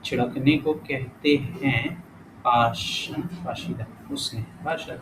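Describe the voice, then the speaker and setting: With a steady tone and a mid-range voice, a male language teacher works through exercises in an informal lesson. He thinks out loud, corrects himself a lot, and slowly reads the example words, over clear background noise.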